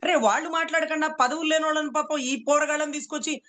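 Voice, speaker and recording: A woman's voice: high voice, fairly even intonation, fast talker, a bit bright. A woman advocate giving heated political commentary, speaking rhetorically and repeatedly addressing her interviewer as "sir". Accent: Telugu.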